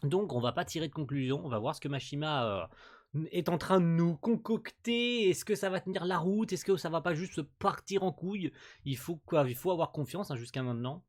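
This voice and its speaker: A man hosting a casual manga chapter reaction, excitable, swearing and laughing as he reads panels aloud. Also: a little high, moderate pace.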